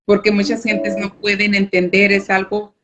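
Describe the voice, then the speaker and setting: A woman's voice: mid-range voice, completely flat delivery, normal speed. A woman giving a personal faith testimony as a radio guest, hesitant and with frequent filler words. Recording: muffled radio recording with background noise.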